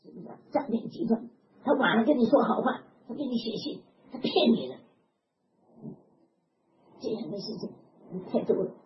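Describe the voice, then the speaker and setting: An older woman preaching a sermon in an animated, emphatic way, often chuckling. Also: a little high, moderate pace, long pauses. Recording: dull lo-fi recording with background noise.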